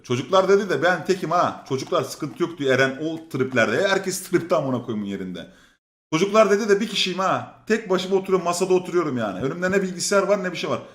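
A man's voice: mid-range voice, roomy sound. A man telling a long, funny story in a casual way. He swears often, laughs, and acts out the lines of other people. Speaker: storyteller on a stream.

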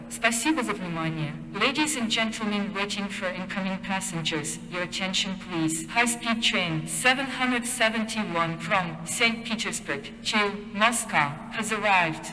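A woman making measured, formal train announcements over a PA system in a large railway station. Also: mid-range voice, sharp tone. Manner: measured, clipped and formal, slowing on place names. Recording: long reverb of a station hall.

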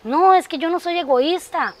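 High-voiced woman speaking heartfelt. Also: normal speed, a little hiss or hum. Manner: heartfelt, emphatic, addresses the host by name. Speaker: guest, sewing workshop teacher. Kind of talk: interview answers.

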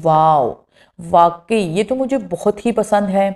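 A woman's voice: mid-range voice, lively intonation, darkish tone, natural voice. A woman reading the lines of a cheerful young man who teases his sweetheart, in a storybook reading. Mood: teasing. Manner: playful, teasing.

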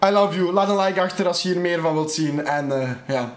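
A man with a Flemish accent giving loud let's-play commentary on a horror game, swearing and reacting jumpily while wearing a headset at home. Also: high voice, fairly quick, reverberant, distant mic, heavy background noise. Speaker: gaming YouTuber.

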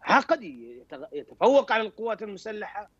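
A man talks fast as a military analyst on a TV talk show, restarting and clearing his throat often. His voice sits a bit high, and it comes through a dry, muffled remote connection. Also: sing-song, dry recording. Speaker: military expert guest. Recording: dull dry remote link.

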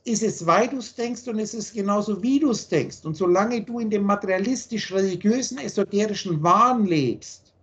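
A man's voice: high-pitched, moderate pace, a bit bright, muffled recording. A man with a German accent lecturing over a video call in a blunt, insistent way, driving his points home with everyday examples. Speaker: spiritual teacher.

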